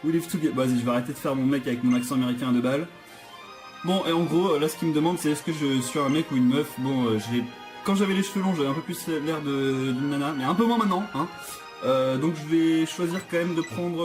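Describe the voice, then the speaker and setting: A man giving let's play commentary, nervous and jokey, often restarting his sentences. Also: on the high side. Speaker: gaming channel host.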